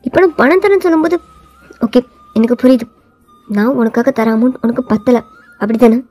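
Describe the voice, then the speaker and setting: A woman's voice: on the high side, animated, a little fast, mellow, soft background music, pitched below the performer's own voice. A woman voicing a cold, arrogant young male CEO who talks in a taunting, domineering way. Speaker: voiceover artist.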